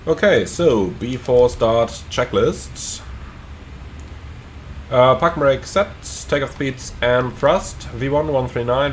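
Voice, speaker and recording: Male pilot narrating cockpit procedures, faint hum. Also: mid-range voice. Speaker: airline pilot and flight simulator streamer. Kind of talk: flight sim commentary with procedural cockpit callouts.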